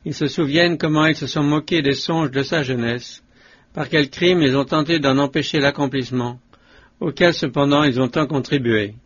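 A man reading a religious book aloud as an audiobook narrator, measured and solemn. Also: on the high side, fairly even intonation, husky, highs cut off.

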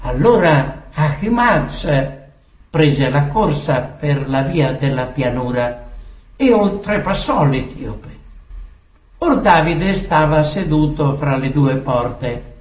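A man giving a solemn, slow, dramatic scripture reading and voicing each figure. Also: on the high side, expressive. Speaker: scripture reader. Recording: distant echoey dull recording.

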